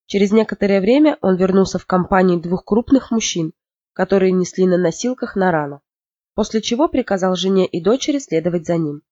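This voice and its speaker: A narrator reading a novel aloud in an expressive storytelling manner. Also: mid-range voice, a little fast, dry recording. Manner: expressive storytelling, lifting for emotional moments. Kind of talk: audiobook narration. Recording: dull lo-fi, dry.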